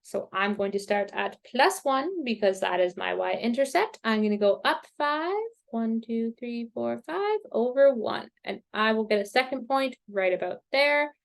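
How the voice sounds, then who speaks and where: A woman math teacher explaining graphing step by step in a slow, patient way, with self-deprecating asides, and she has the hiccups. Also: a little high, animated, creaky. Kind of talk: recorded screen-share math lesson.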